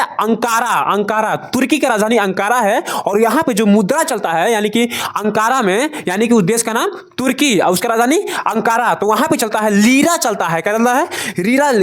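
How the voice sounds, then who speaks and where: A male teacher gives a casual lesson, asking questions and repeating each answer, tripping now and then over foreign names. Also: high voice. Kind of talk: casual classroom-style lesson.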